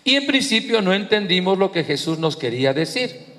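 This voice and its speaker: A man with a Venezuelan accent, a priest giving a sermon, telling stories with lively emphasis and building up on repeated phrases. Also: sits high, a little fast, in a large hall. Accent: Venezuelan Spanish. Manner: lively storytelling preacher, rising on repeated phrases.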